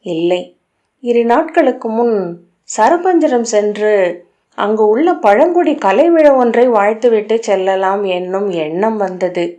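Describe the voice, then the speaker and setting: A woman reading the lines of a proud, calculating queen in an audiobook, in a measured, commanding way. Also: on the high side, expressive, warm tone, lo-fi sound. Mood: cool, commanding.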